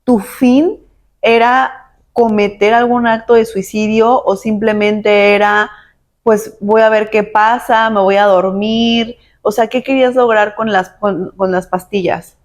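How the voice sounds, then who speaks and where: A woman's voice: medium pitch, steady tone, a little slow. A woman hosting the talk and asking careful, probing questions. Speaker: podcast host. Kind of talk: interview questions.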